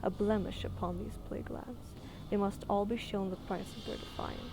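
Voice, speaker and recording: A woman's voice: medium pitch, steady tone, moderate pace, natural voice, rough recording. Woman reading as a solemn commanding undead king. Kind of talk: reading game quest dialogue aloud. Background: game music.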